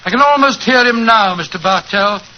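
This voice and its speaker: High-pitched British doctor Watson played by a man. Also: normal speed, close to an everyday voice. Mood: recounting. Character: earnest older British doctor, loyal puzzled sidekick. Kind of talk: 1940s radio acting. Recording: noisy, muffled 1940s radio recording.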